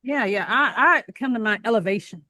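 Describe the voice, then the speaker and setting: A woman speaking on a team call, calm and thoughtful. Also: fairly high pitch, brisk, no room sound.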